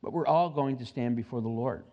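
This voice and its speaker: A man in his seventies preaching a sermon in church as pastor, animated, rising high for emphasis, with joking asides. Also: fairly quick, lo-fi sound. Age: 70s.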